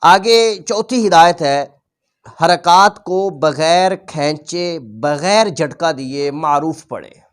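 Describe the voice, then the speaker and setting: A man's voice: on the high side, clear, resonant tone. Patient man teaching a reading lesson. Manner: patient, repeats rules and sounds out letters slowly. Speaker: Quran teacher.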